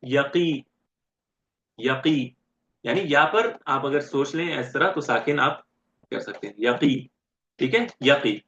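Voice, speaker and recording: A man teaching grammar in a lecture, spelling out syllables slowly and often checking with his students whether they follow. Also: mid-range voice, fairly bright tone, a little hiss or hum. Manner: keeps checking with "right?" and quizzing students. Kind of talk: classroom lecture. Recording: roomy and dull, lo-fi.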